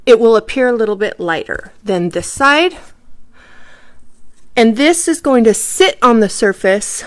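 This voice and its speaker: A woman teaching a live craft tutorial, explaining each step and checking in with the viewers. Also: a little high. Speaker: craft instructor.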